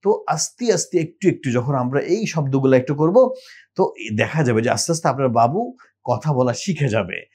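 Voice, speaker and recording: A middle-aged man from Bangladesh, a pediatrician, giving earnest parenting advice straight to camera, drawing out example words slowly and repeating them. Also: mid-range voice, lively intonation, a little mellow, slightly rough. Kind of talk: direct-to-camera health advice talk.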